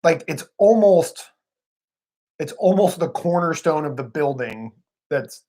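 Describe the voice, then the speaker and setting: A man's voice: on the high side, animated, measured pace, warm tone. Musing, hedging man co-hosting a sports stream. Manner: musing, hedging, says "I don't know" often. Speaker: live stream co-host. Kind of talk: casual sports chat on a live stream.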